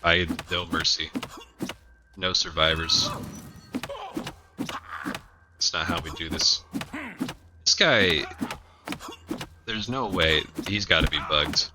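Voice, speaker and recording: Deep-voiced joking male streamer. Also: slow pace, pauses often, background noise. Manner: sarcastic, joking asides. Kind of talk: casual gameplay commentary. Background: game music.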